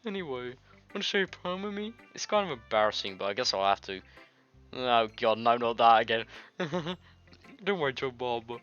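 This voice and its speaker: Very animated yet clear and resonant, this man's medium-pitched, fairly bright voice moves at a moderate pace as he reads a visual novel aloud with jokey asides. A nasty cold leaves him congested and coughing. The let's-play is captured on a dull lo-fi mic over game music.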